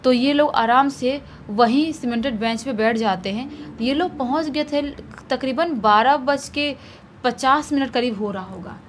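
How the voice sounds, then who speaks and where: A woman's voice: high-pitched, unhurried, a little hiss or hum. Chatty woman telling a horror story. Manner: conversational, animated retelling. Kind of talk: casual spoken horror storytelling.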